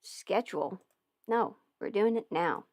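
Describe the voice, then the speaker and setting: In a clean studio sound with no room tone, a woman with a slightly mellow mid-range voice speaks a little slowly. She's an audio performer streaming live from her house, alone, chatting casually and muttering to herself as she fiddles with settings via a studio mic and audio interface.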